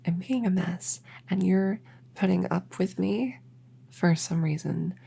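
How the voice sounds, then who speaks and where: A shy, smitten elf woman, acted by a woman in a soft ASMR role-play. Her voice is extremely breathy with a creaky fry, and she moves very slowly through hesitant, rambling, gently caring sentences full of awkward stammers. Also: on the low side, exaggerated voice. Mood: flustered, embarrassed.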